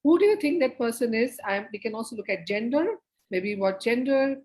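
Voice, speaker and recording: Brief: woman, theatre facilitator on a video call, lively and coaxing, slightly higher voice. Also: a little fast, low-quality recording. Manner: lively, coaxing audience participation. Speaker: theatre educator and presenter. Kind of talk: interactive online workshop facilitation.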